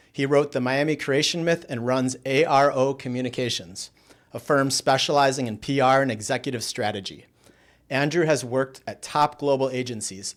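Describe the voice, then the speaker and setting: Upbeat male podcast host. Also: medium pitch. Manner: upbeat, friendly interviewer who reads guest bios. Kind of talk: casual interview conversation.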